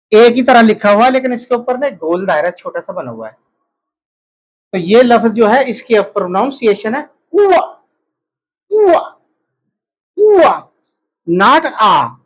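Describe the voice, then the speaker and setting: A man's voice: sits high, poor audio. A man whose first language is Urdu, teaching a language lesson and repeating each word over and over. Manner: repeats each word many times, drawn out. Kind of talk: slow spoken language lesson.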